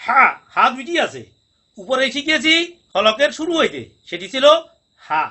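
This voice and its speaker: A man teaching Quran pronunciation in a recorded lesson, drilling each sound slowly with repetition. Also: extremely high pitch, very animated, bright, forceful tone.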